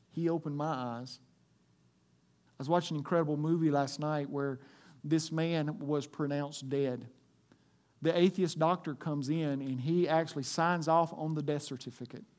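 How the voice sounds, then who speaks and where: A man preaching to his church congregation, his voice sitting a bit high for a man. He swings between loud, emphatic lines and quiet, hushed stretches. He is delivering a sermon. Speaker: pastor.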